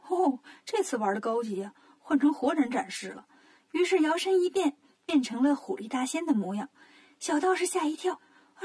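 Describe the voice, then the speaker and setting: A woman narrating a children's story in a lively, expressive way. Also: sits high.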